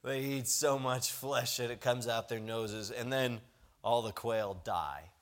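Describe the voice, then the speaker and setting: A man's voice: mid-range voice, unhurried. A man preaching a sermon, retelling a story in a conversational, emphatic way.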